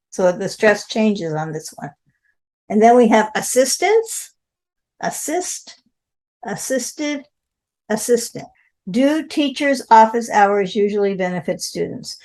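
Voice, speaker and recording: Clear, careful woman teacher. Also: on the high side. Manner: slow, careful pronunciation of word forms. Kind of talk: online class lecture.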